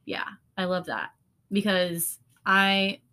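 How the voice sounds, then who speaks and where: A woman's voice: mid-range voice, steady tone, slow, sharp tone. A woman co-hosting a podcast as an esthetician, chatting casually with lots of fillers, giggles and the odd swear word. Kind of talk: casual chat.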